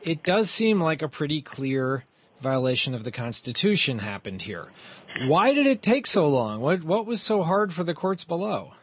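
Animated, husky male interviewer. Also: fairly high pitch, moderate pace. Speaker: radio interview host. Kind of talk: interview questioning.

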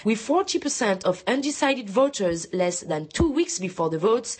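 A woman files a scripted news report. Her voice is somewhat husky and of average female pitch. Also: big pitch swings, normal speed, a little mellow. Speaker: foreign news correspondent.

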